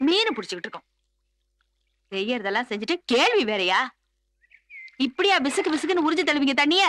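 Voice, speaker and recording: A woman's voice: high voice, very animated, fast talker, fairly bright tone, a little hiss or hum. An actress playing a cheeky young village woman who teases her friend in a playful way. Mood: teasing. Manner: teasing, playful. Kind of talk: Tamil film dialogue. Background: film music.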